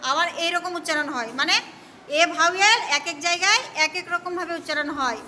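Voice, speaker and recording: A woman's voice: very high voice, a little fast, sharp tone. A woman teaching English vowel sounds to a class, explaining patiently and spelling out words. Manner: instructive, scolding a pupil at the start. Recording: roomy hall echo, faint noise.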